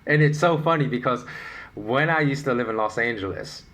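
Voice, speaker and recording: A middle-aged man hosting a solo podcast, explaining his views in an animated, opinionated way with rhetorical questions. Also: medium pitch, fairly quick. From United States. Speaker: podcast host.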